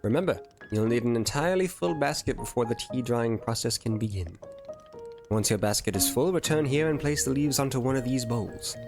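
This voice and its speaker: A man's voice: medium pitch, expressive, a little fast, music in the background, close to an everyday voice. A man voicing a posh, polite male tea shop keeper, reading game dialogue aloud with formal phrasing. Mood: instructive.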